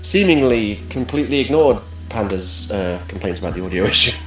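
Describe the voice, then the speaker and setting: A man's voice: lowish voice, a little fast. Male co-host, jokey and chatty, cave-like echo on his mic, faint music under it. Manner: chatty, joking, lively storyteller. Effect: hollow, cave-like echo on his mic. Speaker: livestream co-host. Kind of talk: casual chat.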